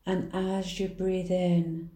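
A woman leading a guided healing meditation in a soft, soothing manner. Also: lowish voice, little pitch movement. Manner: soft, slow, soothing delivery. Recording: roomy echo.

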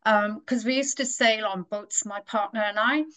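A woman interviewer from Wales, an attentive listener who responds with soft affirmations in a conversational interview. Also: mid-range voice, moderate pace.

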